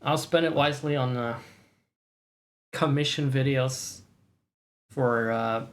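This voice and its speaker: Livestream host, casual chat. Mid-range pitch, sarcastic, mock-boastful, foul-mouthed. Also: slow pace. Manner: profane. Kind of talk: casual chat to stream viewers.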